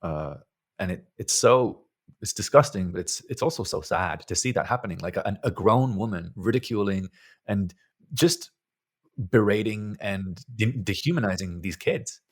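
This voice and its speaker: A man's voice: lowish voice, moderate pace. A man hosting an interview, offering short sympathetic comments and reflections. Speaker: host.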